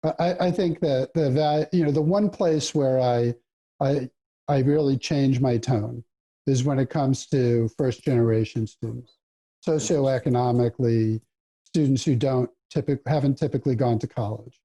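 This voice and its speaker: A man speaking as a professor guest on a podcast, in a halting way that repeats his words as he talks. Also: medium pitch, fairly even intonation, dark tone. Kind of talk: casual interview chat.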